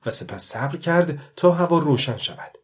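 A man narrating an audiobook in a measured, steady reading style. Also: fairly high pitch.

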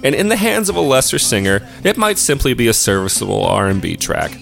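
A man's voice: mid-range voice, sing-song, fairly quick, gravelly, a bit bright. A man co-hosting a music debate podcast, reading prepared arguments with a dry, sardonic wit. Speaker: podcast co-host.

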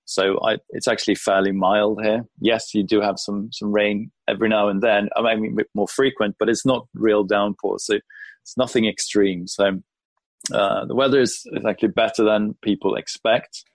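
A Swedish man, a native Swedish speaker working as an employer brand consultant, appears as a guest giving friendly, thoughtful interview answers. His lowish voice has little pitch movement and a moderate pace, full of ums and restarts. The recording has no echo.

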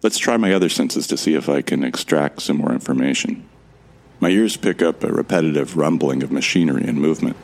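Narrating an audio drama in a bass voice, a man plays an amnesiac survivor who is calm, wry and self-deprecating. His performance is heavily acted yet gravelly, measured and introspective.

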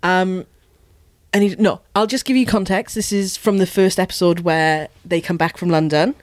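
A man as a podcast guest, chatting casually and telling gossipy, animated stories. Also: sits high, normal speed, no echo, clean studio sound. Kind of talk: casual chat.

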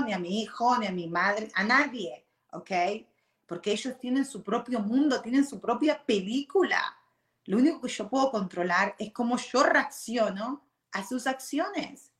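A woman in her forties with an Argentine Spanish accent, hosting a casual personal talk, often checking in with "ok?" and mixing in English words. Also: on the high side. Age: 40s. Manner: expressive, tags sentences with "¿ok?", drops in English words. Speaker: show host. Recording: roomy echo.

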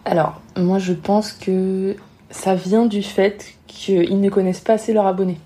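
A woman's voice: mid-range voice, level tone, warm tone. A woman, a podcast guest giving frank advice on social media in an emphatic way, often acting out other people's thoughts. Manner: rapid, emphatic, frank, acts out quoted thoughts. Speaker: guest, Instagram marketing expert.

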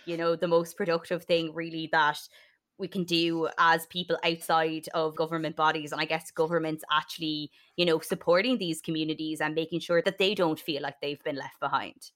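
Young female podcast co-host, west of Ireland accent, lowish register, earnest and conversational with halting phrasing. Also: a bit bright. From Sligo, west of Ireland. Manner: earnest, hesitant, frequent "like". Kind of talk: casual discussion.

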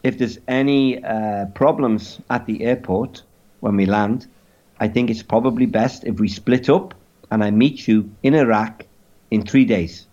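A man putting on the voice of a calm, secretive middle-aged Swiss man, in clipped broken English with a caricature French-style accent. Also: mid-range voice, unhurried, dull audio, natural voice. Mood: matter-of-fact.

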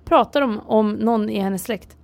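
A woman's voice: mid-range voice, gravelly, a little mellow. A woman co-hosting a casual podcast who reacts dramatically and swears casually. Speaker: podcast co-host. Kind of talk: casual chat.

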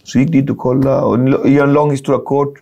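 Man, middle-aged, mid-pitched, warm mellow voice, slangy storytelling guest. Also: creaky, muffled recording. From Sweden. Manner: animated, acts out dialogue, street slang, lots of filler. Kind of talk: casual storytelling in a conversation.

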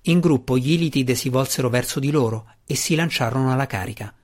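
A man reading a fantasy novel aloud as an audiobook narrator, in a steady, measured way. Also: medium pitch.

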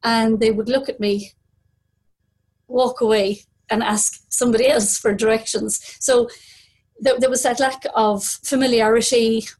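A woman in her fifties with a west of Ireland, Kerry accent tells a personal story. Her voice sits a little high. She is unhurried and reflective, repeating words for emphasis. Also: fairly even intonation, a little mellow. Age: 50s.

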